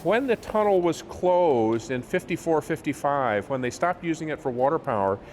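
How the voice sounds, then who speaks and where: A man with a fairly high voice acts as a tour guide, explaining things informally and a bit haltingly. He is recorded on location underground, with faint background noise. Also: expressive. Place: inside an old mill and underground water tunnel.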